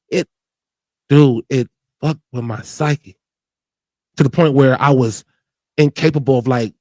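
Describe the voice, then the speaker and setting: In an echo-free clip, a man in his forties who hosts a show shares personal matters with candor and earnestness. His mid-range voice is a little mellow, and he keeps restarting and adding "you know what I mean."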